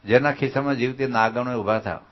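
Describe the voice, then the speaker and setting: A man from Kathiawar, a swami giving a sermon to children. He asks them the same questions again and again and pushes them to answer loudly. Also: medium pitch, quick pace. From Kathiawar, Gujarat. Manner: drills the crowd with repeated questions, urging them to answer loudly. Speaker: swami preacher. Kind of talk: call-and-response sermon to children. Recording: dull, lo-fi sound.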